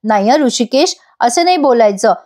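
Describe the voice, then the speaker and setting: A woman's voice: fairly high pitch, lively intonation, moderate pace, warm tone, close to an everyday voice. A woman reading the lines of a determined young wife, firm and reassuring.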